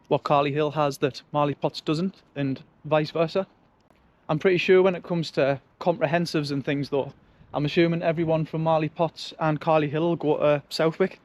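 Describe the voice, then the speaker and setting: A man's voice: on the high side, a little mellow. A man with a Sunderland accent giving a casual, chatty walking-tour commentary in colloquial dialect. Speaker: local-history vlogger. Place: outdoors, walking along residential streets. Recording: outdoor street and traffic noise.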